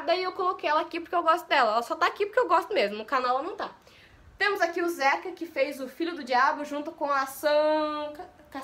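Bright, high, fast-talking Brazilian woman. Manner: fast-talking, chatty and excitable. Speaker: YouTuber. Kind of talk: casual chat to camera. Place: her bedroom.

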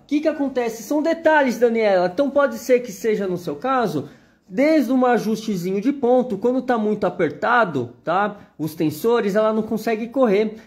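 A man's voice: very high voice, a little mellow. A man with a Brazilian Portuguese accent giving a chatty live sewing machine demonstration, constantly pointing things out to viewers.

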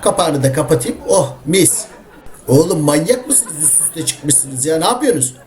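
A man's voice: fairly high pitch, big pitch swings, normal speed, some chatter behind, slight background noise. A man voicing cheeky, slangy talking dogs in a comedy voice-over of pet videos. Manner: streetwise, joking, exasperated. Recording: voice-over with loud background music.

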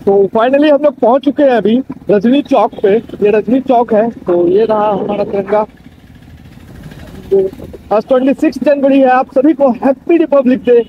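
Out on town roads on his motorbike, a young man from Bihar offers casual vlog commentary aimed at viewers, often repeating himself. His very high voice keeps a moderate pace. The audio is dull, with slight background noise.

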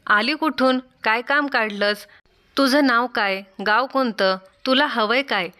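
A woman's voice: a little high, unhurried, bright, forceful tone. A woman voicing a young palace maid who fires off questions and pleads earnestly in a told folk tale. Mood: questioning.

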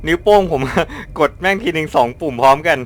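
A Thai man commenting while playing a horror game, chatty and excitable, yelping and apologizing to the characters. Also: fairly high pitch, a little fast. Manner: excitable, yelps and shouts when chased. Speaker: gaming YouTuber. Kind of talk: let's play commentary. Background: game music.

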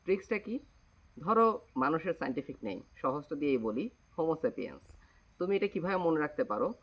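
A man teaching an admission-prep biology lesson, talking straight to his students and slowly spelling words out letter by letter. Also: fairly high pitch, lively intonation, fairly bright tone, rough recording.

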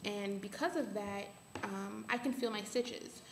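A young adult woman giving a casual update to camera, halting as she thinks aloud. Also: medium pitch. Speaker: vlogger. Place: small bare room at home. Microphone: webcam or laptop at arm's length. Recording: echoey room, faint background hiss.

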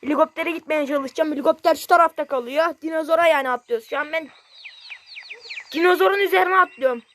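A man giving casual, excitable gameplay commentary in slangy speech, yelping at sudden moments. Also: very high-pitched, fast, a little hiss or hum. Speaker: gameplay streamer.

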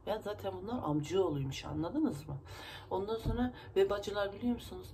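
A woman's voice: medium pitch, lively intonation, fairly quick, mellow, slight background noise. A woman vlogger venting to her viewers in a rambling, emotional way, her nose stuffy from crying. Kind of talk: casual vlog talk to viewers.

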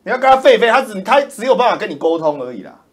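A man, ranting loudly and mockingly as a political commentator on a livestream. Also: high-pitched, very animated, very fast. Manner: loud, roaring, mocking, insulting.

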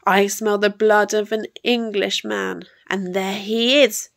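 A woman voicing a huge, scary, hungry giant man in a booming, menacing chant for a storybook. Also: fairly even intonation, slow, gravelly, dry recording, clean studio sound.

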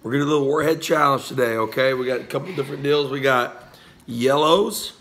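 A man's voice: medium pitch, fast talker, fairly bright tone. A man in his thirties chatting casually to camera as a playful father hosting a family challenge, like an announcer. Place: room at home. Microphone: phone or tablet at arm's length. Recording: hissy home phone recording with clicks.

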